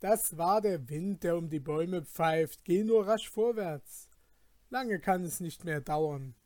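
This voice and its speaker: A man's voice: high voice, slow pace, darkish tone, dry recording, clean studio sound. A man voicing a carefree, mocking male journeyman who teases his frightened companion in a read-aloud fairy tale. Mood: dismissive. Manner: teasing, dismissive, jovial.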